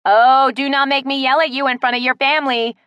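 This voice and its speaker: A woman's voice: sits high, brisk, clear, resonant tone, dry recording, muffled recording, voice pushed up. A woman voicing a protective, hot-tempered tree-climbing woman who barks orders like a drill sergeant. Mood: commanding. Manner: commanding, strained calm.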